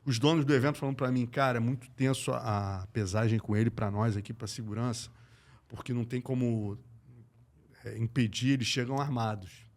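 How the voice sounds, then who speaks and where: A man from Brazil, an MMA journalist, telling stories in a lively, slangy way on a casual podcast. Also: mid-range voice, a little fast. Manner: animated, slangy, acts out quoted voices.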